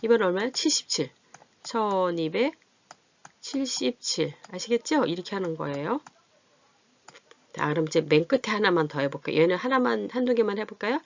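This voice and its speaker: A woman's voice: mid-range voice, expressive. A woman teacher patiently explaining how to read and write large numbers, often asking whether her learners follow. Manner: patient, checks understanding with questions; drawn-out counting while writing. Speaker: adult literacy teacher. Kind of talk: classroom math lesson. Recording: dull, dry lo-fi recording.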